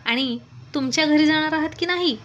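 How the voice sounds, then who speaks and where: A woman's voice: sits high, fairly quick, lo-fi sound, voice pushed up. Woman playing a stubborn angry young wife. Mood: defiant. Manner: sharp, curt.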